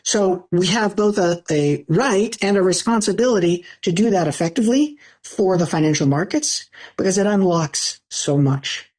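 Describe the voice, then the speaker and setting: Slightly low-voiced woman, corporate executive manner. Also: animated, normal speed, few pauses, a little mellow. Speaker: financial industry executive. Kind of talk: explanatory business talk.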